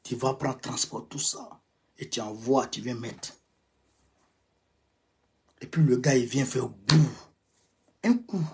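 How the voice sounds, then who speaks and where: Ivorian guy going off in a heated rant, husky voice, says stuff twice, gets loud then mutters. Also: expressive, slow, long pauses. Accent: Ivorian French. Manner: emphatic and repetitive, veering between raised outbursts and low muttering. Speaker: political commentator. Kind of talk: impassioned monologue.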